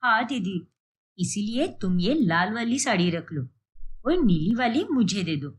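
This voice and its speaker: Woman playing a friendly young sister-in-law, soft and sweet, lively voice. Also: mid-range voice, measured pace, slight background noise. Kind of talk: animated storybook voice acting.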